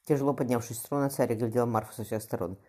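A woman's voice: rumbling low, fairly even intonation, quick pace, mellow. A woman narrating a historical novel as an audiobook reader, reading plainly with occasional restarts.

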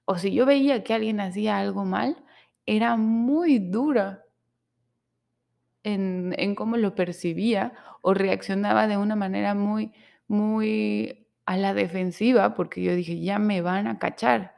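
A woman's voice: medium pitch, steady tone, a little slow, vocal fry, darkish tone. A young adult woman, hosting a podcast and telling a personal story in a candid, emotional way. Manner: candid, emotional storytelling with self-quoted inner speech. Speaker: podcast host. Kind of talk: personal confessional monologue.

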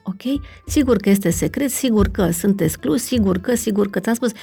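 Gravelly, mellow-voiced woman explaining. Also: mid-range voice, animated, soft background music. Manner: explains with many fillers and checking questions like "da?". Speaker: family constellations facilitator, guest. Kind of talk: conversational explanation in an interview.

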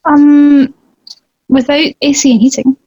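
A woman's voice: sits high, little pitch movement, unhurried, warm tone, no echo. A young woman, chatting hesitantly on a podcast with giggles and fillers, on a dull lo-fi recording. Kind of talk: casual chat. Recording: dull lo-fi sound.

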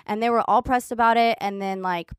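A woman's voice: fairly high pitch, fairly quick, clear, resonant tone, no echo, clean studio sound. A woman casually telling a long story, swearing freely and saying "like" constantly. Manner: profane, animated, heavy use of "like".

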